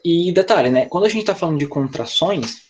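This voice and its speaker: A male English teacher with a Brazilian Portuguese accent explains grammar step by step to an online class over a video call. His voice is a little high, expressive and slightly mellow, and he speaks fairly quickly yet patiently, often adding "tá?" and "né?".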